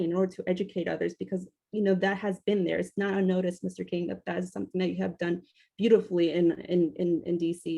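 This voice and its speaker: A woman from Washington, D.C. speaks as a panelist in a panel discussion, advocating for a position. Her medium-pitched voice is creaky, husky and dark in tone. She sounds hesitant, using many fillers and restarts.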